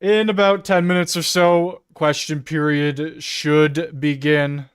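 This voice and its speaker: A man's voice: on the high side, fairly even intonation, slow, clean tone, no echo. A man hosting a political livestream, giving sarcastic commentary. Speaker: livestream host. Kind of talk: casual live commentary.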